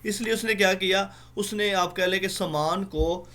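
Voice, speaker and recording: In a high-pitched, sharp voice, a man lectures an online exam-prep class, explaining slowly with many fillers. He spells out words letter by letter.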